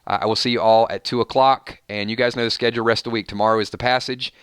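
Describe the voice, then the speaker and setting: A man hosting a live fan reaction stream, his voice bright and crisp. He talks excitedly and rambles, often restarting his sentences. The sound is dry and close. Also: mid-range voice, very fast, no echo. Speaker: channel host.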